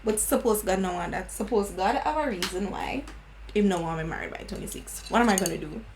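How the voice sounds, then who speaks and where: A woman's voice: mid-range voice, brisk, noisy background. A woman in her twenties with a Jamaican accent, chatting earnestly and slipping into patois. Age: 20s. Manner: earnest, laughing, slips into patois. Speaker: beauty vlogger. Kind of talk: casual chat.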